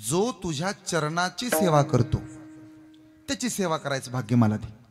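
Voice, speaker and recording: A man preacher voicing Prince Shatrughna, speaking slowly and reverently, half chanting. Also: fairly high pitch, sing-song. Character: selfless young prince Shatrughna, humble servant. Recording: long hall reverb, faint music.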